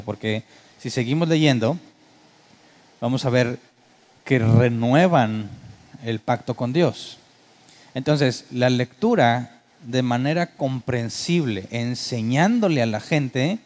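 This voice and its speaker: With a slightly mellow, mid-range voice, a male pastor speaks to his congregation as if in conversation. Rhetorical questions come often, and he does comic impressions of worship keyboard sounds.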